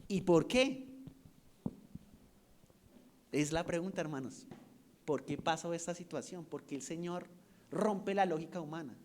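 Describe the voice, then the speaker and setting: High-pitched male preacher delivering a sermon with questions to the flock. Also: lively intonation, unhurried, pauses often, a little hiss or hum. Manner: rhetorical questions, swings from loud to hushed.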